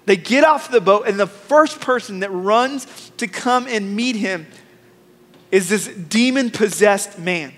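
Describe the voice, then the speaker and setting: A man's voice: high voice, lively intonation, a little slow. A man preaching a sermon as a pastor, telling the story in a conversational way with humor and repeated phrases. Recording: long hall reverb.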